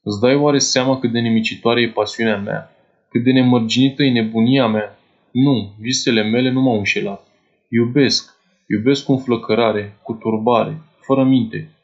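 A man's voice: mid-range voice, fairly even intonation, dull audio, lightly acted. A man voicing a young male lover declaiming his passion in overblown, theatrical phrases. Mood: fervent.

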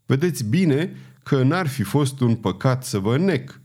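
A man's voice: medium pitch, expressive, darkish tone, natural voice. A male audiobook reader voicing a terrified ferryman who begs and stammers. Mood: nervous. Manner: panicked, begging, breathless. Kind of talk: audiobook character voice.

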